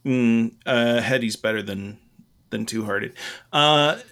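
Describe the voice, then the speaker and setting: A man co-hosting a casual podcast, giving opinions in a halting, meandering, loose and tipsy-sounding way. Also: mid-range voice, fairly bright tone. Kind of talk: casual rambling chat.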